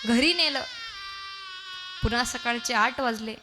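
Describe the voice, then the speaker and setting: A woman's voice: a little high, a little slow, music in the background. A woman kirtan preacher telling an emotional devotional story and acting out the voices in it. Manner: emotional, dramatic, acts out voices in quotes.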